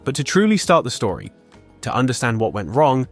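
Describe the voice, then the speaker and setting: A man narrating a documentary podcast in a measured, scripted delivery. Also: medium pitch, big pitch swings, soft background music. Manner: measured and clear.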